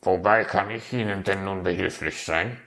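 A man voicing a helpful male raven craftsman in a storybook tale, brisk and croaking. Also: low voice, fairly bright tone.

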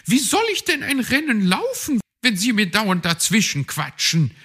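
Man putting on a shrill fussy magpie lady. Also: huge pitch swings, a little slow, gravelly, a bit bright, breathy edge, exaggerated voice. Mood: prim, huffy. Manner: shrill, prim and bickering. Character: fussy chatty female magpie, older lady.

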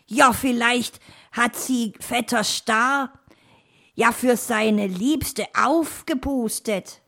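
A woman's voice: fairly high pitch, extremely slow, bright, forceful tone, pitched above the performer's own voice, heavily acted. A woman doing a jovial old fox uncle. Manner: chuckling, easygoing. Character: kindly good-humoured male fox, uncle figure.

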